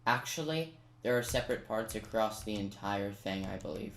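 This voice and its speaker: A mid-range voice with lively intonation at a normal speed walks viewers through a video game step by step, chatting directly to them with casual asides. The recording has a roomy echo, plenty of noise, and audible keyboard clicks.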